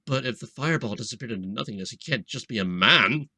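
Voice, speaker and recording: A man's voice: medium pitch, animated, fast, pushed and bright, no echo. A man playing a fantasy text game, switching between casual chat and dramatic narration.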